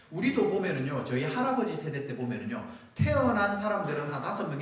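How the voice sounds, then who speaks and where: A middle-aged male pastor preaching a sermon in a large, echoey church sanctuary, heard from some distance off the mic. His voice sits a bit high and swings widely as he acts out little scenes and chuckles through his stories. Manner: animated storytelling, acting out scenes with chuckles. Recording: echoey church hall, voice from far off.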